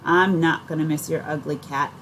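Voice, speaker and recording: A woman's voice: low-pitched, fairly even intonation, normal speed, a little hiss or hum, close to an everyday voice. A woman doing a bossy, blunt boy. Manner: blunt, scolding.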